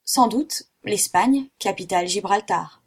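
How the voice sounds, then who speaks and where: A woman voicing a grave, unflappable young boy who answers in a calm, matter-of-fact recitation. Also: medium pitch, unhurried, slightly rough.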